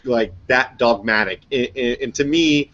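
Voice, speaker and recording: A man co-hosting a podcast interview, speaking haltingly with many fillers and restarts. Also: mid-range voice, a bit bright. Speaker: podcast co-host. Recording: dull lo-fi sound.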